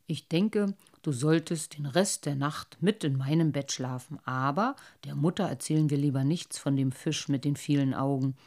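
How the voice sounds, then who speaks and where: Woman as a soft, caring water-sprite dad, lower and quiet. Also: expressive, a little slow, hardly any pauses, slightly rough, exaggerated voice. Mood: soothing. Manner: soft, soothing. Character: gentle water-sprite father, calm and caring.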